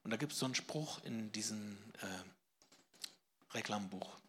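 A man preaching a sermon to a live congregation, swinging from hushed whispers to loud emphasis and putting questions to his listeners. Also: fairly low pitch, slow, a little hiss or hum. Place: church service, in front of a congregation.

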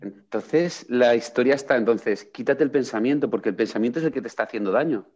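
A man in casual conversation, recounting a book and acting out its questions with lively energy. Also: medium pitch, fairly quick. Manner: animated storyteller, acts out quoted questions. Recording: dull lo-fi sound.

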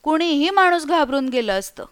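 A woman narrating a story in a steady, expressive reading voice. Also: sits high, normal speed. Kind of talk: scripted narration.

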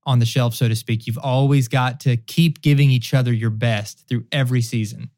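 A man's voice: mid-range voice, steady tone, normal speed, darkish tone. A man co-hosting a podcast on marriage, talking earnestly in a casual way and acting out quoted voices. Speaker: podcast co-host.

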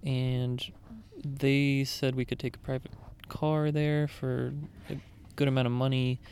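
A man's voice: medium pitch, level tone, measured pace, a little mellow, smooth. A young man chatting casually about travels, easygoing and explanatory, with frequent fillers.

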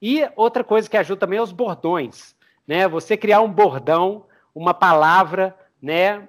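A man with a high-pitched voice and a Brazilian Portuguese accent hosts a casual podcast chat offering RPG tips at a normal pace. He's an animated storyteller who repeats phrases and slips into character voices.

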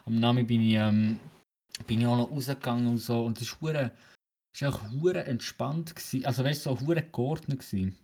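A man's voice: mid-range voice, fairly even intonation, fairly quick, mellow. A teenage male podcast host with a Swiss German accent chats casually. He talks with braces, so his articulation is a little hindered, and he rambles along with plenty of hesitations. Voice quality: talking with new braces, slightly hampered articulation.

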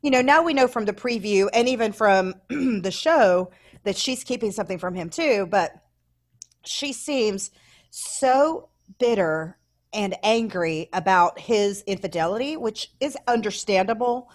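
Animated woman from the American South. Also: mid-range voice, measured pace. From Southern United States. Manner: animated, laughing, playful. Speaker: podcast co-host. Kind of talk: casual chat.

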